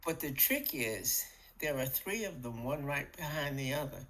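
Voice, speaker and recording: A middle-aged woman hosting a spiritual podcast, talking in a casual, animated way, acting out little voices and laughing often. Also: rumbling low, moderate pace, low-quality recording. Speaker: podcast host.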